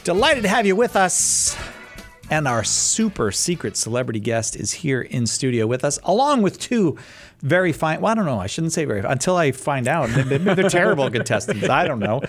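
A man's voice: mid-range voice, very animated, fairly quick, faint music behind. A man hosting a game show with playful, teasing banter. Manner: teasing, mock-doubtful. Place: studio.

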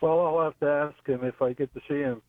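A man calling in to a radio show over a buzzy, glitchy phone line that cuts out. He speaks haltingly, often losing his thread and starting over. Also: fairly high pitch, fairly even intonation, dry recording. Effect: buzzy, glitchy phone call audio that cuts out. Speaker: caller. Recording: tinny dry phone line.

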